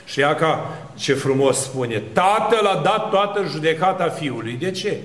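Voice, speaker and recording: A man, an Orthodox priest, preaching a sermon with lively rhetorical questions and long spoken lists. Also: fairly high pitch, echoey room.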